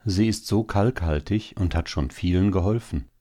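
A man reads a storybook, voicing a male hare who consoles others in a low, deep, calm voice at normal speed. The tone is dark and mellow, soothing, yet his wry, gloomy words carry a quiet bitterness in this sober tale.

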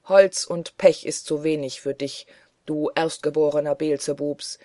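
A reader voicing a furious male bishop in an audiobook, shouting his threats. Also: mid-range voice, steady tone, unhurried, no room sound, clean studio sound, natural voice. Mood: raging. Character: raging, fanatical male bishop. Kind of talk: audiobook character voice.

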